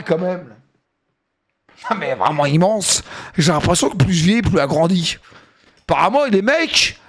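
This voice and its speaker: A man chatting casually and joking with his viewers during a stream. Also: high voice. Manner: joking, talks straight to viewers. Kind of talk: casual chat.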